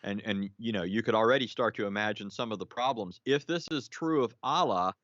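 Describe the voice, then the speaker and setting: Man, low voice, dry and a bit dull sound; explainer on a live show, restarts often, tags points with "right?". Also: brisk, a bit bright, no echo. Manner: lecturing, frequent fillers and restarts, rhetorical "right?". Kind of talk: live online discussion, explaining.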